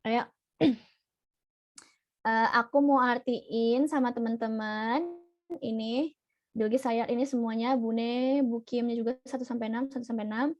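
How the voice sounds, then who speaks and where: Patient young woman teaching slowly. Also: fairly high pitch, steady tone, a little mellow, no room sound, dull audio. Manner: patient, repeats each point slowly. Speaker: language teacher. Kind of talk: online class teaching.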